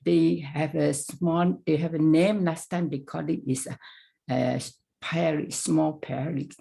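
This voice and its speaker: An older woman from Vietnam talks about her past with her granddaughter in a casual interview. Her voice sits low and gravelly, with a mellow, dark tone. She talks in short, halting phrases and often restarts a thought. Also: steady tone. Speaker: guest.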